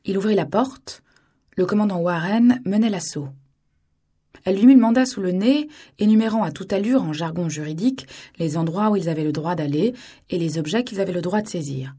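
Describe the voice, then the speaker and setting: A woman reading a novel aloud in even, measured scripted narration. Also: fairly low pitch, husky. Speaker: audiobook narrator.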